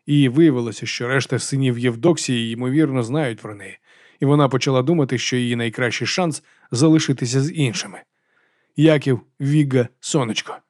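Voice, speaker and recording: A man reading a dark fantasy novel aloud as an audiobook narrator, in brisk, steady storytelling. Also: medium pitch, no echo, studio quality.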